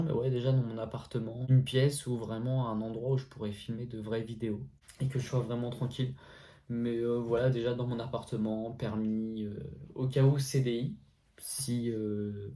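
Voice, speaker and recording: Young guy in his 20s doing a faq vlog at home, laid-back and rambly, warm mellow tone. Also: mid-range voice. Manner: relaxed and chatty, many fillers and slang. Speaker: YouTuber answering a FAQ. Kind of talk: casual vlog chat. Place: at home, indoors.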